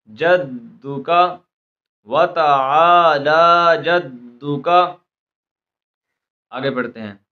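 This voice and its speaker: A man leads a recitation lesson, stretching each letter and syllable at a very slow pace before switching to brisk asides. His voice sits a little high. The recording sounds dull and lo-fi. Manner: slow drawn-out letter spelling, then quick explanations; repeats "theek hai" often. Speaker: Quran recitation teacher.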